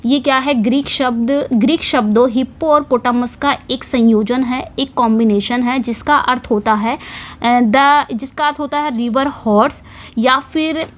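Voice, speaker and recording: A woman teaching English literature for exams, explaining each question in Hindi and reading the English slowly, repeating key words as she writes on a board. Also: sits high. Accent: Indian English. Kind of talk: exam-prep lesson.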